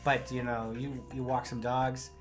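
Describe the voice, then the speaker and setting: A man co-hosting a casual comedy podcast, telling rambling deadpan tall tales with many fillers. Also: medium pitch, a little slow, music in the background. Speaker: podcast co-host.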